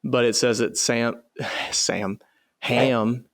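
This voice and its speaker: A man's voice: mid-range voice, fairly even intonation, extremely slow, no room sound, studio quality. A man co-hosting a podcast, chatting casually and jokingly through a Bible study with lots of fillers. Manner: laid-back, jokey, trails off with fillers. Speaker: podcast co-host.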